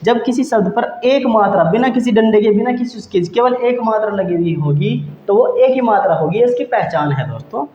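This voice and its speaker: A high-voiced man teaches a grammar lesson, saying each example word slowly and then repeating it. His tone is patient, and he often calls his listeners friends. The room is echoey, the sound is dull, and a faint hiss sits behind him. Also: a little mellow. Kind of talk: exam-prep grammar lesson.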